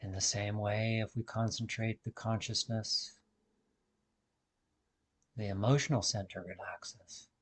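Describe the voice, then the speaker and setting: A man whose voice falls on the low side guides listeners through a meditation as their teacher. His phrases are calm, measured and deliberate, broken up by long pauses.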